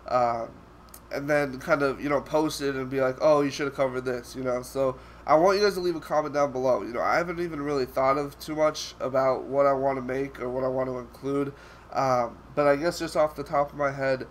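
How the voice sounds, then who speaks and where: A man's voice: mid-range voice, fairly even intonation, fairly quick, a little hiss or hum. A young man with a stuffy voice from a cold, talking casually over gameplay and rambling with many fillers and restarts. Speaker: gaming YouTuber.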